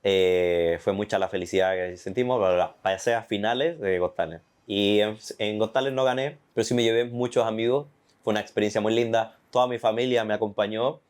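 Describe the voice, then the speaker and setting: A young man with a Chilean accent giving an earnest, animated personal faith testimony. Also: on the low side, brisk. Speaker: testimony guest.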